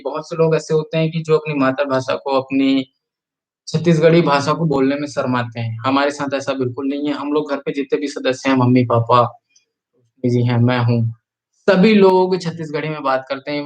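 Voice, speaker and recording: A man from Chhattisgarh chats on a live stream in a voice sitting slightly high for a man. He talks easily and at length, reads out viewer comments one after another, and keeps asking people to like the video. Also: low-quality recording. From Chhattisgarh, India. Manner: chatty, reads out viewer comments and urges likes. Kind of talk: casual live-stream chat.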